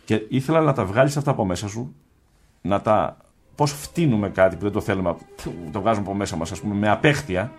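A man telling a personal story in an interview, soft-spoken, unhurried and reflective. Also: fairly low pitch, faint music behind. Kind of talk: storytelling in conversation.

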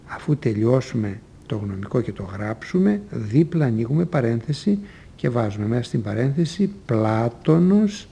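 Man, teacher, gravelly, mellow tone, careful explanatory lesson, faint rumble underneath. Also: lively intonation. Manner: measured, deliberate delivery with careful pauses. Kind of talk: slow explanatory lesson reading example sentences.

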